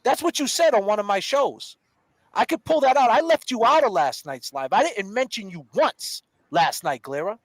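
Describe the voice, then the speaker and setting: A middle-aged livestream host gets heated and confrontational, calling people out directly and repeating their names. His voice sits high and has big pitch swings at a normal speed. The recording is dry and rough.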